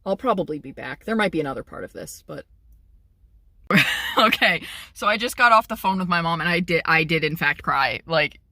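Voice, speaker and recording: A woman's voice: lowish voice, animated, moderate pace, pushed and bright, dry recording, clean studio sound. A young woman vlogging in a casual, rambling monologue, emotional and often breaking off mid-sentence. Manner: rambling, emotional, self-interrupting.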